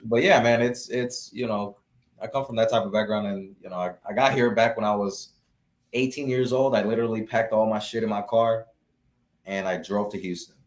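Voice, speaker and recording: Young man in his twenties, slightly low voice, relaxed casual guest with lots of fillers. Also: brisk. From Florida, US. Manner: relaxed, peppered with "you know" and restarts. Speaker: guest, real estate investor. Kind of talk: casual live Q&A chat.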